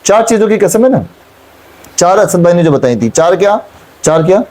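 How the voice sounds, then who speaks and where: Male Quran teacher, high mellow voice, questions and repeats. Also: lively intonation, normal speed. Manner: questioning students, repeating points. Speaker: Islamic teacher. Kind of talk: Quran class explanation. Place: classroom with students.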